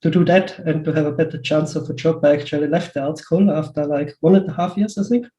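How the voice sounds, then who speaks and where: Talking quickly in a warm, fairly even voice on the high side, an Austrian-accented man from Western Austria chats as an interview guest about his work as a pixel artist. His hesitant delivery loops over repeated words and is peppered with "like." The sound is roomy and full of echo.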